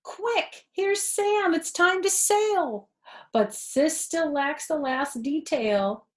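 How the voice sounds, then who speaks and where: Her voice sits high and moves at a slow pace as this fifty-something grandmother reads to children in the living room. Expressive throughout, she adds plain little asides, explains words simply, and asks her young audience questions.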